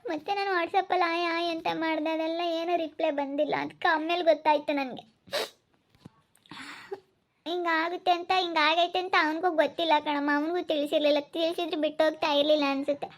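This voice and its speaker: Actress as a wistful, rambling young village woman, high voice. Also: level tone, fairly quick. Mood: regretful.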